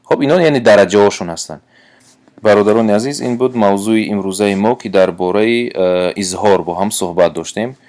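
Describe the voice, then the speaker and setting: A man with a Tajik accent teaching a lesson on Quran recitation rules, patient and halting, pausing often and sounding out letters slowly. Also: lowish voice, a little mellow. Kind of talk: tajwid lesson.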